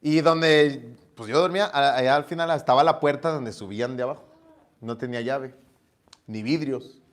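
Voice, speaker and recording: A man's voice: mid-range voice, normal speed. A man preaching a sermon, telling stories and acting out the dialogue in them. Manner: storytelling, acts out dialogue with lively shifts. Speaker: pastor.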